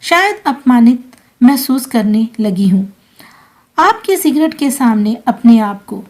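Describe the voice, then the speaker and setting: A woman voicing a grieving young wife reading out her own letter, in a soft, sorrowful way. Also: fairly high pitch, sing-song, takes it slowly.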